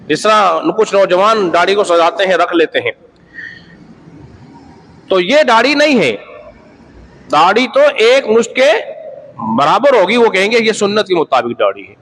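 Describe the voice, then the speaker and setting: Guy with a pretty high voice giving a sermon, keeps stressing points, repeats himself, throws questions at the crowd. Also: fairly bright tone, a little hiss or hum, rough recording. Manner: emphatic, repetitive, asks rhetorical questions. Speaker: Islamic preacher. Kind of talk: sermon lecture.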